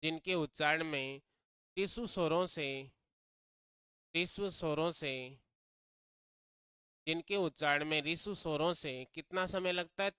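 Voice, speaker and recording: A man's voice: a little high, measured pace, pauses often, pushed and bright, clear, resonant tone, no echo. A man teaching a grammar lesson, repeating key phrases and quizzing his students as he goes.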